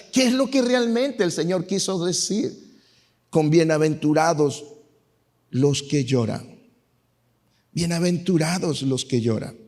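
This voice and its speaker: A man's voice: on the high side, a little mellow. A male pastor preaching a sermon to a church congregation, asking questions and answering them himself. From Peru. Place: church sanctuary.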